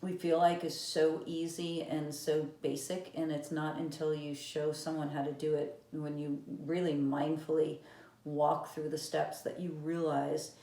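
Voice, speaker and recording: A woman's voice: low voice, level tone, unhurried, warm tone. A woman vlogging about knitting in casual, rambling chat with many fillers. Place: room with vinyl playing. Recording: echoey room, music behind. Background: eighties vinyl record playing.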